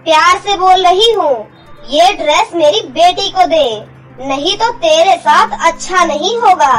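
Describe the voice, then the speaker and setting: A woman's voice: extremely high pitch, slow, a bit bright, faint music behind, full character voice, poor audio. A woman voicing a cruel, bossy stepmother in a cartoon story. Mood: threatening. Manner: threatening, later pleading.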